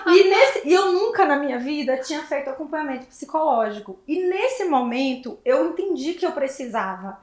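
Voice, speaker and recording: A woman's voice: high-pitched, expressive, normal speed, few pauses. A woman, candidly telling her own story in a panel talk. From Bahia, Brazil. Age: 40s. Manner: candid, reflective, leaning on tag questions. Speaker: dermatologist guest. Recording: roomy echo.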